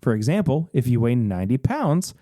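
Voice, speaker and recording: A man hosting a podcast, reading a gamebook aloud in a casual, animated way with occasional hesitations and jokes. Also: medium pitch, fairly quick, dry recording, clean studio sound. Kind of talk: casual read-aloud with banter.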